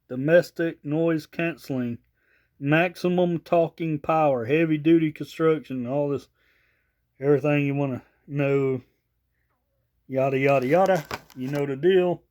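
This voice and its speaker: Slightly worn out after work, this man rambles through a casual, folksy vlog presenting his new CB radio without a script. His voice sits on the high side and has a slightly mellow quality.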